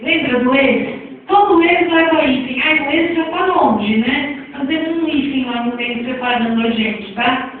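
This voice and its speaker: A woman's voice: high-pitched, moderate pace. A woman with a Brazilian accent teaching a spelling lesson to a class, chatty and often asking the audience questions. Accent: Brazilian Portuguese. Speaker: teacher giving a talk on spelling reform. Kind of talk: classroom lecture. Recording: echoey, far from mic, phone-like sound.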